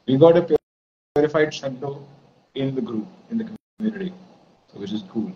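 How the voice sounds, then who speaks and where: A man's voice: medium pitch, lively intonation, a little fast. Man, Indian accent, casual rambling live stream host, English-Hindi mix, muffled lo-fi phone audio, noisy. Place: indoors, plain-walled room. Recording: dull lo-fi stream with clear noise.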